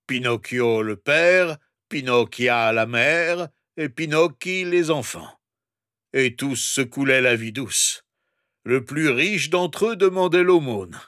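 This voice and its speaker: Man doing a woodcarver father in a storybook, scolding then plaintive, slow, dry booth sound. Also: mid-range voice, animated, fairly bright tone, no room sound. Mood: musing. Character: male woodcarver father, stern yet tender.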